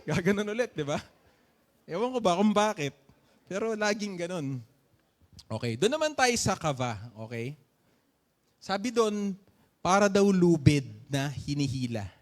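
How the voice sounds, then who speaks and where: Joking Filipino preacher with a higher voice. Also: male voice. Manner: conversational, often asking "okay?" and "di ba?"; playful with jokes and laughter. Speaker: pastor. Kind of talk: sermon.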